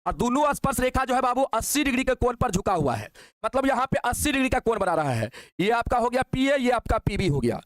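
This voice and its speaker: A male maths teacher, coaxing and encouraging as he works through problems. His voice sits very high. The sound is dry and close, with no room. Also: sing-song, no room sound. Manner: coaxing, calls students "babu", asks quick questions. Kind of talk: online exam-prep lesson.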